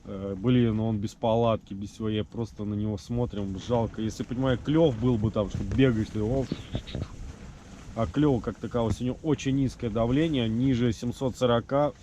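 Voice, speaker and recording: A man's voice: mid-range voice, steady tone, normal speed, dark tone. Grumbling man vlogging outdoors, wind on mic. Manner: colloquial, grumbling, with mild slang curses. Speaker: host of an ice-fishing vlog. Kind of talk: casual vlog chat to camera while fishing. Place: windy frozen outdoors, in and around a fishing tent. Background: wind and outdoor noise.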